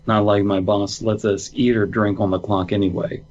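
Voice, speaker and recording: The audio is dull, and this man's fairly low, slightly mellow voice comes through flat at a normal speed on an online call mic. He co-hosts a comedy podcast, reading a story out loud but repeatedly cracking up laughing during the easygoing banter.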